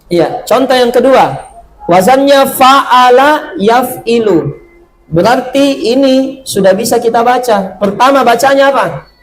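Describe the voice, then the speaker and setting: A man teaches an Arabic grammar class. He talks slowly, drawing out each Arabic word, and asks questions he then answers himself. A faint hiss sits under the recording. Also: very high-pitched, poor audio. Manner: drills verb patterns, asks and answers his own questions; slow, drawn-out reading of Arabic words. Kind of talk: classroom lesson.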